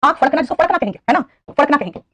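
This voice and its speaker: A woman's voice: sits high, lively intonation, very fast, fairly bright tone, no echo. A woman with an Indian English accent teaching vocabulary in an online class, quizzing students and praising them by name. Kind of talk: online live class, Hindi mixed with English.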